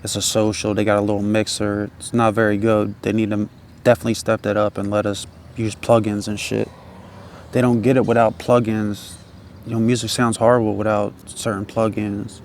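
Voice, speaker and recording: A man's voice: lowish voice, little pitch movement, moderate pace, slight background noise. A man chatting casually in a loose, laid-back stoner drawl, rambling with slang and swearing. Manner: slangy, swearing, repeats tag phrases. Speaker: independent music artist.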